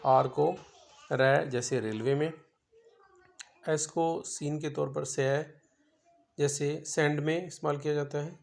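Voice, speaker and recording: A man's voice: fairly high pitch, steady tone, creaky, pauses often. A man teaching a beginner language lesson, patiently spelling out each letter's sound one by one. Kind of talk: slow instructional explanation.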